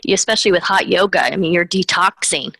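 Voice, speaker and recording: Speaking quickly with a sharp tone, this woman has a lowish voice and the recording carries no room sound. She's a mortgage professional and native Spanish speaker, chatting cheerfully as an interview guest and laughing between points.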